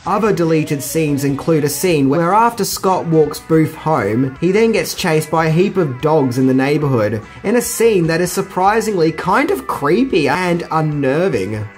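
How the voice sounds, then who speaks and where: A man's voice: fairly high pitch, big pitch swings, a little slow, few pauses. A middle-aged man narrates scripted movie trivia as a video host. He drops in casual, slangy asides, and music plays behind his voice.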